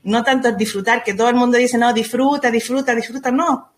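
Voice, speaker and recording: A woman's voice: fairly high pitch, steady tone, a little fast. A woman, a guest giving parenting advice in a casual conversation, earnest and repeating words for emphasis. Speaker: astrology guest.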